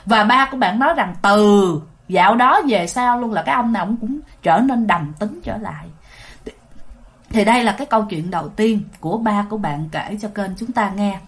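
A woman with a Southern Vietnamese accent telling a ghost story in a casual, animated way, speaking directly to her listeners. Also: medium pitch, normal speed.

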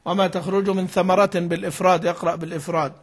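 High-voiced man explaining recitation rules. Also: level tone, very fast, slightly rough. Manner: explains patiently, repeats key words, asks and answers himself. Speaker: sheikh teaching Quran recitation. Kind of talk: classical Arabic lesson commentary.

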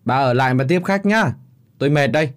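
A man's voice: mid-range voice, lively intonation, a little slow. A man voicing a stubborn, bitter old father who talks in curt, barking bursts. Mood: cold.

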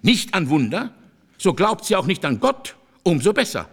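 A bitter aging seducer, read by a man, declaims with grim insistence. His voice swings widely in pitch and sits a little high for a man. The delivery suits a literary audiobook. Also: very animated, moderate pace, vocal fry, fairly bright tone, slightly rough, full character voice. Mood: insistent. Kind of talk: audiobook character reading.

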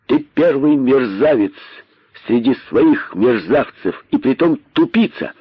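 A cheeky, defiant rabbit, as a man puts it on, yells in a high, strained voice from inside a snake's belly. The husky tone and dull lo-fi sound come from an old audiobook recording. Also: animated, slow pace, no room sound. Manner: loud, jubilant, defiant shouting. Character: bold defiant rabbit shouting from a boa's belly.

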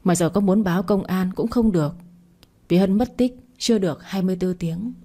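A woman's voice: mid-range voice, fairly quick, warm tone, natural voice. A woman reading as an anxious young husband. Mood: worried. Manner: anxious, pleading. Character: worried young husband, devoted.

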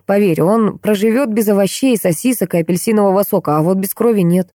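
A woman's voice: medium pitch, fairly quick, dark tone, no echo, clean studio sound, close to an everyday voice. A woman voicing a middle-aged doctor, a strict and agitated father who speaks sharply and sternly. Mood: pleading.

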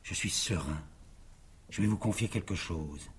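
A man's voice: deep voice, a little slow, creaky, slightly rough, heavily acted. An actor playing a cheerful young amateur detective who teases his friend in a self-assured, playful way. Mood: calm.

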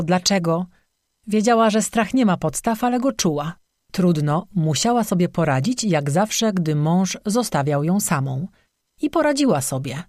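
An audiobook narrator tells an old folk tale in a steady, even storybook manner. The voice sits at a middling pitch, and the close studio recording is dry with no room sound. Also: no echo.

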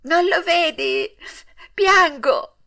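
A woman's voice: medium pitch, measured pace, fairly bright tone, close to an everyday voice. A woman voicing a wooden puppet boy in an audiobook, wailing and pleading through sobs. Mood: eager. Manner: sobbing, wailing pleas. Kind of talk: audiobook character voice.

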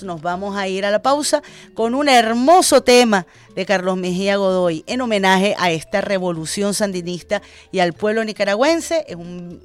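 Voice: mid-range voice, clean tone. A radio host with a Venezuelan accent giving impassioned political commentary, repeating phrases for emphasis.

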